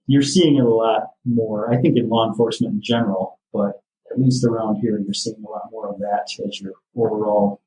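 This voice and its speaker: A man talks through a casual podcast interview in an easygoing, matter-of-fact way. His voice is mellow and relaxed. It is picked up from a distance in a roomy, echoey space. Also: lowish voice, a little fast. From Michigan. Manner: easygoing, matter-of-fact, with frequent "you know". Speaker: sheriff's office captain, guest.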